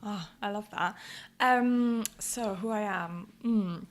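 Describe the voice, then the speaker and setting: A woman from Greece, a podcast guest who speaks thoughtfully with many pauses and ums. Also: medium pitch. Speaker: guest, life coach and yoga teacher. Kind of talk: podcast interview.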